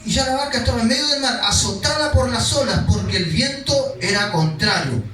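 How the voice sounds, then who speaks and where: A male pastor with a very high, bright voice, preaching a sermon in a very echoey hall. He stands some distance from the mic, and soft music plays behind him. He reads scripture and then explains it conversationally, sometimes acting out the cries in the story. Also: expressive, a little fast.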